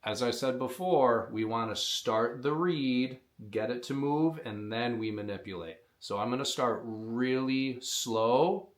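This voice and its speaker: A man's voice: mid-range voice, unhurried, hardly any pauses. A man teaching how to use an open reed predator call, explaining in a plain, practical way. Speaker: call maker teaching coyote calling. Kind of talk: instructional demonstration.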